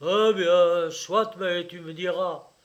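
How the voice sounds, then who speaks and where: A man's voice: high voice, animated, very slow, voice pushed up, heavily acted. A man playing a blustering, furious old land dealer. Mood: blustering anger. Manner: loud, blustering, indignant shouts. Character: angry, frightened middle-aged male land dealer.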